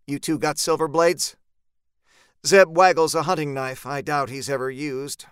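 A man narrates first-person horror fiction from a script, tense and dramatic, with deliberate phrasing. His smooth, bright voice is a little high. The recording is very dry, with no room sound.

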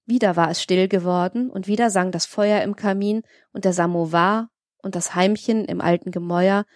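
A woman narrates a literary audiobook in a calm, measured reading. Her voice sits in a middle range. The recording is close and dry, with no room around it. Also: mid-range voice, dry recording.

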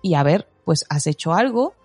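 Lively storytelling woman, lowish voice. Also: moderate pace, husky, no echo, faint music behind. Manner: animated storyteller, acts out quotes with laughter. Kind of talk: casual parenting chat.

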